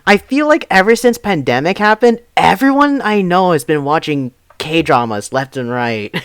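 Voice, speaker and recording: A man's voice: on the high side, animated, moderate pace, fairly bright tone, clear, resonant tone, no echo, clean studio sound. A man hosting a casual group chat, steering topics and laughing along with friends. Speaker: podcast host.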